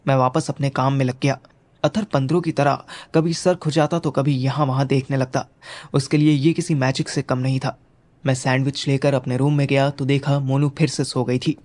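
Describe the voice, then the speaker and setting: A man's voice: mid-range voice, level tone, normal speed, a little mellow. Wry young male storyteller. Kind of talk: first-person audio story narration.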